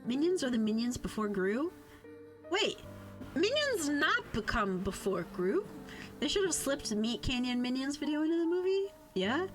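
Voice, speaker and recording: A young adult woman livestreams with music playing behind her, chatting casually in a playful, informal way and swearing freely. Her voice is high-pitched and very animated, at normal speed.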